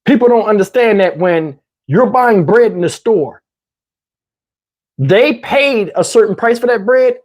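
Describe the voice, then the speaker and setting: His voice sits high and sounds a little mellow, moving with lively intonation at a slightly slow pace. This Southern US man hosts a YouTube livestream, rambling to viewers and tossing in "you know what I'm saying," while his voice tires and his throat dries out.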